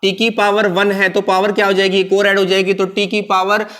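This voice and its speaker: A man's voice: sits high, completely flat delivery, a bit bright. A man teaching physics. He keeps asking the class questions, answers them himself, and mixes English terms into his talk. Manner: mixes English terms into the explanation and repeats key phrases slowly. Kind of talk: classroom lecture.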